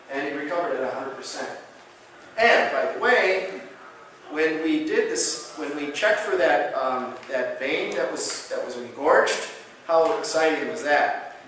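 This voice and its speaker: A man's voice: a little high, fairly bright tone. Man lecturing in an echoey hall. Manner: anecdotal, acts out dialogue in storytelling. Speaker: chiropractic lecturer. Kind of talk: conference lecture. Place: conference hall. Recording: echoey hall, distant mic, faint noise.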